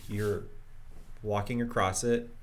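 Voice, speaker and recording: A man narrating as game master of a tabletop game, descriptive and quick to laugh, with many fillers. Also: lowish voice, steady tone.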